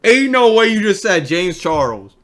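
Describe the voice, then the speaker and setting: A man's voice: sits high, big pitch swings, moderate pace, a bit bright, slight background noise. A man streaming, reacting to videos with slangy, jokey quips. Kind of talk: casual reaction commentary.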